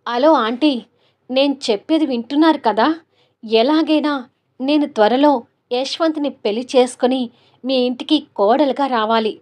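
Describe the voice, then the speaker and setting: A woman's voice: high-pitched, moderate pace, long pauses, darkish tone. A woman voicing a conniving young woman plotting on the phone to marry a man. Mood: scheming. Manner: pleading, conniving. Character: scheming young woman, spiteful rival.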